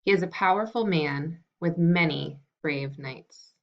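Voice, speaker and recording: A woman teacher reads a picture book aloud to her class in a friendly, unhurried way, with a few fillers when she talks. Her voice sits a bit low, and the recording is dull and lo-fi. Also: gravelly.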